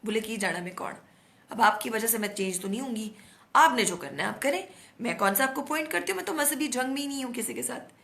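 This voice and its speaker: A middle-aged woman speaks in a somewhat high, hoarse voice, talking straight to her audience. She is outspoken and animated, and she slips English words into her sentences. The recording sounds echoey, as if made in a bare room without a proper microphone. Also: quick pace. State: hoarse throat. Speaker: host. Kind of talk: casual monologue to camera.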